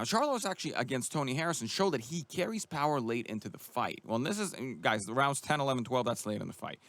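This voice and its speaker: A man talking through a fight recap on his boxing podcast, in a voice of middling pitch recorded close and dry. He talks casually and animatedly, often restarting his sentences and flaring up in indignation. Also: no echo. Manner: animated, indignant outbursts, frequent restarts and fillers. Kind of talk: casual solo podcast commentary.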